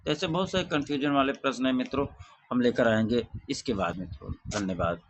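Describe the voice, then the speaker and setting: A man teaching an exam revision lesson, reciting questions and answers in a steady drilling way. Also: mid-range voice, a little fast, a little hiss or hum. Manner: softer, chatty sign-off to viewers.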